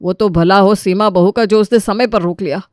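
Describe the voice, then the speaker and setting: A woman's voice: on the high side, moderate pace, smooth, no room sound, studio quality, lightly acted. A woman voicing a stern older father-in-law in a cartoon story, scolding in a fatherly way.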